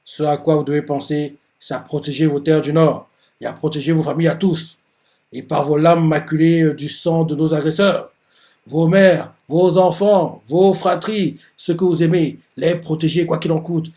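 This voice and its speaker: A man's voice: a little high, steady tone, normal speed, warm tone, close to an everyday voice. A man reading aloud a male general's stirring speech to his troops, plainly and with small hesitations. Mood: rallying. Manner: reads the lines out plainly, with hesitations.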